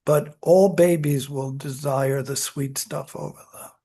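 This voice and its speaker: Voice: mid-range voice, steady tone, a little slow, warm tone, slightly rough. A psychology lecturer explaining child development to a class in a conversational, self-correcting way, acting out examples. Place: lecture room.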